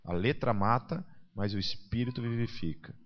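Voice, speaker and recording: A man's voice: mid-range voice, normal speed. A man with a Brazilian accent preaching a conversational sermon. He keeps checking in with his listeners and acts out the people he quotes. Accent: Brazilian Portuguese. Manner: chatty, tags nearly every sentence with a question, acts out quoted people. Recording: muffled event recording.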